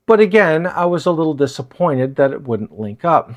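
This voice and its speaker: A man's voice: a little high, moderate pace. A man giving a casual, chatty gear review in his apartment, recorded on a wireless lavalier mic. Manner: chatty, explanatory, lively delivery. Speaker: product reviewer. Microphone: wireless lav mic.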